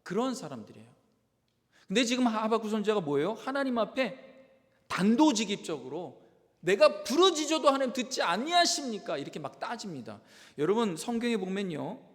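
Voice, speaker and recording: A male pastor delivers an impassioned sermon in a fairly high voice that rises and falls widely. He drops into quiet, reflective asides, then breaks out into loud, fervent cries. His voice rings with the long reverb of a church sanctuary. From South Korea.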